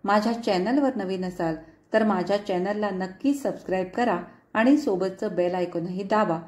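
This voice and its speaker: A woman reads a story aloud with a tender, pleading warmth, as if speaking a letter to someone far away. Her voice is mellow and soft-edged. The recording carries a noticeable room echo. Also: medium pitch, moderate pace. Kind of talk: emotional story reading. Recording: echoey room.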